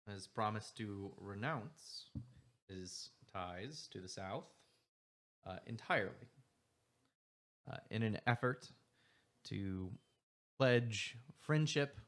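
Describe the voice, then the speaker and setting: A man doing a gruff older war leader. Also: on the low side. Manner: formal, measured speechmaking.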